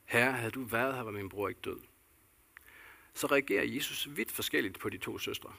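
A man preaches a sermon in a gravelly, husky voice with a bright, forceful edge. He talks earnestly, asking rhetorical questions and repeating phrases for weight. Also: mid-range voice. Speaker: pastor.

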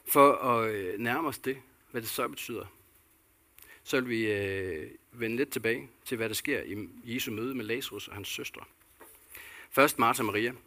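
A man's voice: medium pitch, bright, forceful tone. A man delivering a sermon as a pastor, earnest and repetitive, posing questions to the congregation.

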